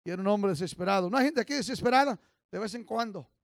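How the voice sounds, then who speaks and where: Man pastor, high gravelly voice, dry recording; fiery call-and-response sermon. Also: expressive, quick pace, no echo. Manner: exhorting, call-and-response, swings from soft to shouting. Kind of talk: bilingual sermon.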